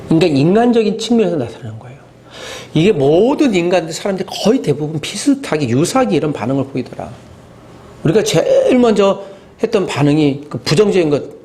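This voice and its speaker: A man preaching a sermon as pastor, animated, acting out inner voices and asking the congregation questions. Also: a little high.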